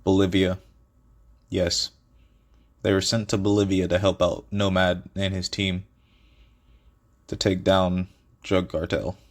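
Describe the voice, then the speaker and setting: A man's voice: low voice, level tone, slow, long pauses. A man casually improvising a fan story, rambling with many fillers and restarts and chuckling at his own ideas.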